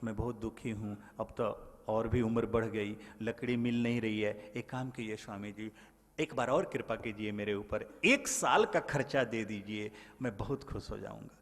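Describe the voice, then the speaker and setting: A man voicing a poor aging man who softly and humbly pleads with a swami for help, in a sermon story. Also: on the low side, normal speed, voice pushed down, natural voice. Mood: pleading. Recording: long hall reverb.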